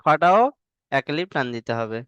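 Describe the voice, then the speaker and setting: A man's voice: a little high, animated, normal speed, fairly bright tone, clear, resonant tone, no echo, lo-fi sound. A male teacher, patiently drilling Arabic letters in an online class and stretching the sounds long. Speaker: Quran reading teacher.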